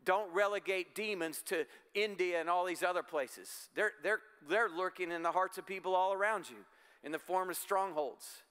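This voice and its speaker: A man's voice: sits high, normal speed, a bit bright, smooth, long reverb tail. A middle-aged man preaching a sermon as pastor, emphatic and exhorting, with repeated calls to the congregation.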